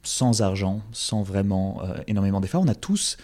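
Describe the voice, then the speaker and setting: As a casual interview guest, a young former campaign organizer from France speaks in French-accented English, stumbling through fillers and restarts. His fairly low voice is warm and expressive, at a moderate pace.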